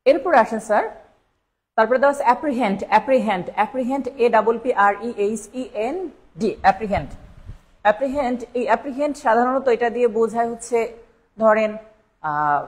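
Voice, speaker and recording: A woman's voice: a little high, expressive, fast talker. A woman teaching a live online English spelling lesson for exam preparation. She repeats each word several times and spells it out letter by letter.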